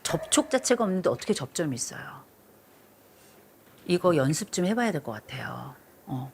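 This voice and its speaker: On a TV counseling session, a middle-aged marriage counselor lectures a couple bluntly and sternly, firmly repeating her instructions. Her fairly low, gravelly voice is very animated and moves at a moderate pace, with a faint hiss or hum underneath.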